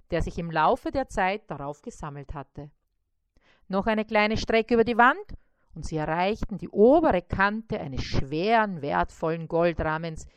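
A woman narrating a children's story in a calm, even scripted reading. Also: medium pitch, smooth, no room sound.

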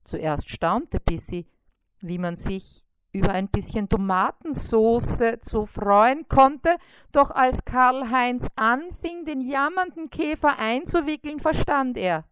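Slow, expressive woman reading a story. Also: fairly high pitch, clear, resonant tone, no echo.

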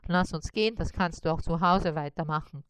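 A woman's voice: low voice, a little fast, clean tone, dry recording, lightly acted. A woman doing a wailing, whiny cartoonish spider. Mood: relieved. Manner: moaning and wailing in pain. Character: whiny male cross spider, timid and self-pitying.

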